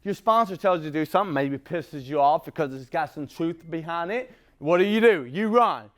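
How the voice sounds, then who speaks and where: A man's voice: fairly high pitch, animated, normal speed. A man giving an unscripted, profane personal share at a recovery meeting. He talks emphatically, repeats and restarts himself, and laughs between points. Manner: rambling with restarts and repetition. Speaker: speaker sharing at a recovery meeting.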